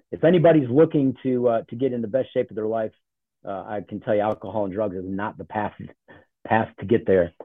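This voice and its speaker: A man in his forties with a lowish voice, talking easily and rambling a bit with plenty of fillers. He comes through a thin, phone-like line with a dry sound and no room around him. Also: dry recording. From born in Ohio, grew up in Charlotte. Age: 40s. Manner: relaxed, rambling with many fillers. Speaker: podcast guest, nonprofit CEO. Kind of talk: casual interview talk. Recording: tinny phone-like call audio.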